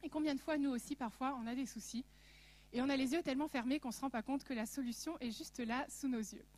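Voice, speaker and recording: A woman from Alsace giving a church message, telling stories in a lively, humorous way and speaking directly to the audience. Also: high-pitched, quick pace. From Alsace, France. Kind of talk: sermon with storytelling.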